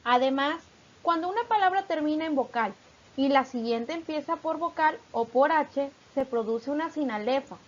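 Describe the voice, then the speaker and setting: Woman teacher from Mexico, high voice, patient explanatory lesson, dull lo-fi sound. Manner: patient explanatory, reads examples slowly syllable by syllable. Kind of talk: recorded lesson narration.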